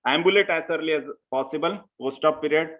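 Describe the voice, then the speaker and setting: A man's voice: fairly high pitch, quick pace. Methodical man over phone-like audio. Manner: methodical, step-by-step explaining with frequent "you know". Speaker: surgeon lecturing at a medical conference. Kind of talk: medical lecture. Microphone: remote call line. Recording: tinny phone-like call audio.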